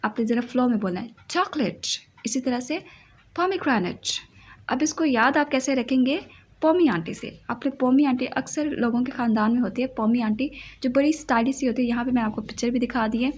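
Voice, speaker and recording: A woman teaching English words in a playful way, repeating each word slowly so it can be copied. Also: on the high side. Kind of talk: vocabulary lesson.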